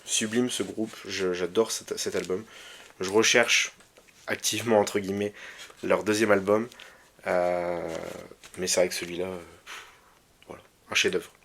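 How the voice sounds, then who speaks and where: Hesitant low-voiced man, casual vlog. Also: steady tone, measured pace, long pauses, a bit bright, a little hiss or hum. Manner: hesitant, many fillers and restarts, enthusiastic. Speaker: vinyl collector presenting his records.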